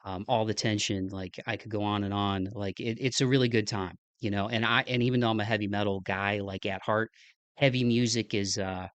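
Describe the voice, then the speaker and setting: A young man with a Midwestern American accent closes out his podcast in a relaxed, rambling chat. He fills the gaps with plenty of "uh"s and restarts. His voice sits fairly low, and the recording is dry and close with no room sound. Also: a little fast, no echo. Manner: loose and rambling, many fillers and restarts. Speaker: podcast host. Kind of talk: casual podcast outro.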